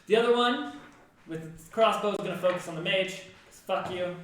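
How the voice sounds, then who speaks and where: A high-voiced man narrates a tabletop game as its game master, joking and swearing as he goes. He sits back from the mic in a strongly echoing room. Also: fairly quick, fairly bright tone, slight background noise. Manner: playful, swears casually. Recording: echoey room, distant from the mic.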